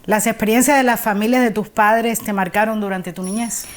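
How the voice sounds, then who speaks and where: A woman's voice: medium pitch, fairly even intonation, normal speed. Woman interviewer asking polite questions.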